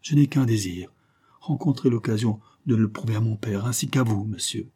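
A man's voice: fairly low pitch, moderate pace, warm tone, husky. A man voicing an earnest young man in a storybook reading, urgent and pleading.

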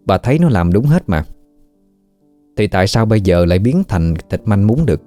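A man narrating a ghost story in a steady, measured way. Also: lowish voice, no echo, faint music behind.

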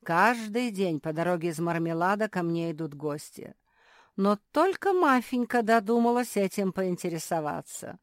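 A woman's voice: on the low side, expressive, normal speed, dry recording, studio quality, voice pushed up, natural voice. A woman voicing a sly old male shopkeeper with ingratiating, sing-song sales patter, in an audiobook. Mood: wheedling. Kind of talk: audiobook character voice.

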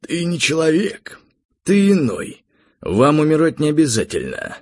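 A man voicing a calm, weary male tiger spirit who speaks gravely and matter-of-factly in an audiobook. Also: fairly high pitch, measured pace, no room sound, clean studio sound, pitched above the performer's own voice. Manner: quiet, grave, matter-of-fact. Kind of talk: audiobook character reading.

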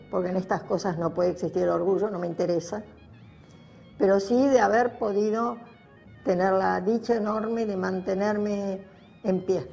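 An older Argentine-accented woman, her warm mid-range voice a bit creaky, recounts her experiences as an interviewee. Her memories come out reflectively and spontaneously, punctuated by emphatic repetition.

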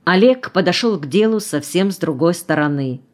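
A woman narrating an audiobook in an even, unhurried storytelling way. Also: lowish voice. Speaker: audiobook reader. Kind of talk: scripted narration.

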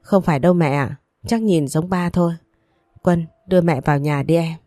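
A woman's voice: on the low side, moderate pace, dark tone, dry recording, clean studio sound, soft background music, natural voice. A woman reading as a blunt, headstrong young woman. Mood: cold. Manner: blunt, cold toward her father. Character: headstrong young woman, grief-stricken granddaughter.

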